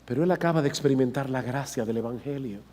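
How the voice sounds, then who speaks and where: A man's voice: medium pitch, quick pace, darkish tone. A man preaching a sermon, emphatic, repeating himself for stress and speaking straight to his congregation. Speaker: pastor.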